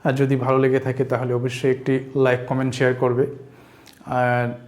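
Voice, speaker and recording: A man teaching English grammar to viewers, reading English example sentences slowly and mixing them with Bengali explanation, often pausing on "okay". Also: mid-range voice, monotone, a little mellow. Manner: mixes English and Bengali, frequent "okay" fillers.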